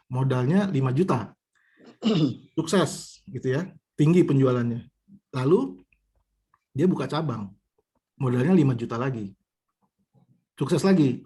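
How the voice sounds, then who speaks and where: A man's voice: medium pitch, lively intonation, measured pace, long pauses, warm tone, slightly rough. A man giving a conversational motivational business talk, telling stories and addressing the audience directly, with a lot of repetition. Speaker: business trainer.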